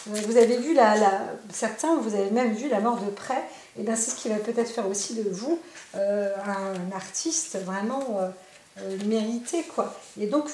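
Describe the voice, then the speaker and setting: A woman's voice: a little high, a little mellow, reverberant, slight background noise. A woman giving a spontaneous oracle card reading at home, talking straight to the viewer with many fillers and tag questions. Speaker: psychic card reader.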